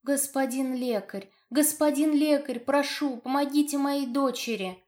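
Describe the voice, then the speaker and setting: A woman's voice: sits high, measured pace, darkish tone, pitched above the performer's own voice. A woman voicing a plump, desperate mother who pleads through tears in a storybook. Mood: pleading. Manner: pleading, sobbing. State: crying.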